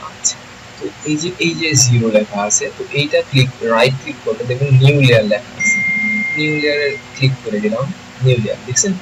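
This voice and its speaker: A man, teaching software in a screen-recorded tutorial, thinking aloud and often checking that listeners follow. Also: mid-range voice, fast. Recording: noisy home recording.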